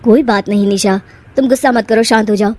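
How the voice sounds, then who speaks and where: A woman voicing a calm, patient young husband in a cartoon, in a soothing tone. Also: a little high, fairly quick, natural voice. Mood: gentle. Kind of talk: cartoon voice acting.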